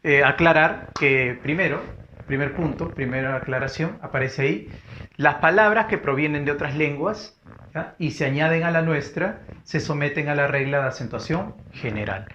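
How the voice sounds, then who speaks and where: Male teacher, patient explainer, slightly high pitch, dull lo-fi recording. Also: moderate pace, sharp tone. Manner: explanatory, repeats key words, asks rhetorical "¿no?". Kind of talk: recorded grammar lesson. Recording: dull lo-fi recording with faint noise.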